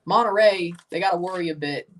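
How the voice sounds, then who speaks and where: A man's voice: high voice, fairly quick, fairly bright tone, a little hiss or hum. American guy chatting casually, off the mic. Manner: rambling, informal, replying to viewers in short bursts. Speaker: livestream watchalong host. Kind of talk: casual livestream chat with match commentary. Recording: voice some distance from the mic.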